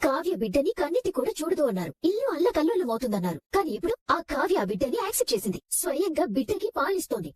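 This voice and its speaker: An agitated scheming sister. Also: female voice, high voice, sing-song, racing, hardly any pauses, a little mellow. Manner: agitated, complaining. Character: frustrated scheming younger sister. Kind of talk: Telugu TV serial acting.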